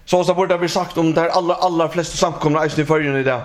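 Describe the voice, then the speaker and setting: A man's voice: fairly high pitch, steady tone. A man preaching a sermon, emphatic, often repeating words and restarting phrases.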